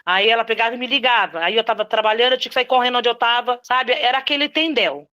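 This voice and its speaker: A woman's voice: on the high side, bright, forceful tone, lo-fi sound. Brazilian woman telling a painful story. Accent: Brazilian Portuguese. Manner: halting, restarts phrases, acts out quoted dialogue. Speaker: interviewee. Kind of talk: emotional personal account.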